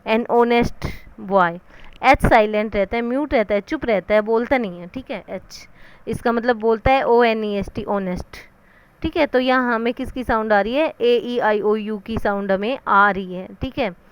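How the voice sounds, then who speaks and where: A woman teaching English grammar, explaining the rules in Hindi. She asks questions and answers them herself, and reads out the English rules slowly. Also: fairly high pitch, smooth.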